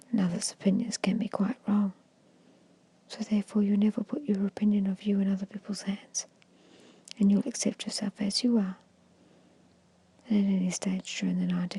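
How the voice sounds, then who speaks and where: In a breathy, hushed whisper at a medium pitch, a woman leads a guided ASMR hypnosis meditation. She offers gentle, repetitive suggestions, and the recording is dry.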